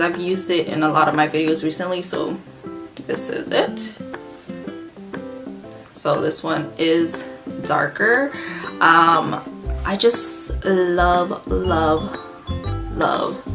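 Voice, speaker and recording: This casual makeup review comes from a beauty vlogger whose speech carries a light Haitian Creole accent and sits fairly low. Her delivery is loose and talkative, dotted with ums and corrections, and guitar music runs distinctly behind her.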